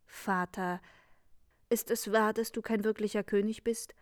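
A woman's voice: mid-range voice, steady tone, unhurried, no room sound, lightly acted. A woman voicing an earnest, indignant young prince in a read-aloud fairy tale, in her own voice. The room sounds dry.

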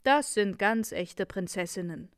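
A woman's voice: medium pitch, measured pace, clean tone, dry recording, clean studio sound, close to an everyday voice. A woman voicing a sly, self-assured man in a tailcoat who is a magician, in a read-aloud fairy tale.

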